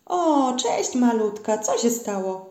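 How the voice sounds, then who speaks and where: Excited young male forester for a kids' story, voiced by a woman, upbeat and high. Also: takes it slowly. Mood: eager. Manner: lively, excited. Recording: roomy echo.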